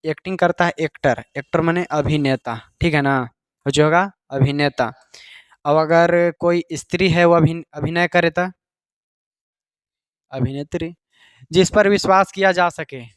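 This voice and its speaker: A man's voice: on the high side, clear, resonant tone, dry recording, studio quality. Casual Bihari-accented male teacher. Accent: Bihari Hindi. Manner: casual, quizzes students with rhetorical questions. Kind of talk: classroom lecture. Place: classroom with students.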